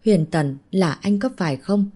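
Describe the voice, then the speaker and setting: A woman's voice: fairly low pitch, a little slow, dark tone, husky. A woman reading an audiobook voices a weakened young wife who speaks tearfully. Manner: tearful, breathless. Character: young wife, weak and tearful after poisoning.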